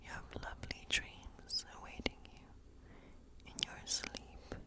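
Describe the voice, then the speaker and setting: As a caring witch reading tarot in a woodland cottage, an ASMR performer speaks only in gentle, breathy whispers. Everything is slow and soothing, filled with reassurance.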